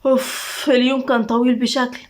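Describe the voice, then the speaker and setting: A woman's voice: fairly high pitch, fast, lightly acted. A woman reading the part of a teasing, sarcastic young Egyptian woman in a spoken story, with an Egyptian accent. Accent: Egyptian Arabic.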